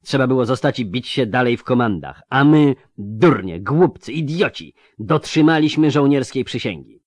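A man's voice: mid-range voice, expressive, moderate pace, a little mellow, no room sound, voice pushed up, close to an everyday voice. A man voicing a bitter, outraged male elf officer. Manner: bitter, self-mocking.

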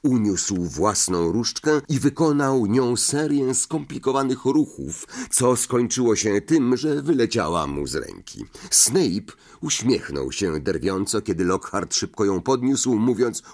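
A man narrating an audiobook, reading slowly and expressively with dramatic inflection. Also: medium pitch, animated, darkish tone. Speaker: audiobook reader.

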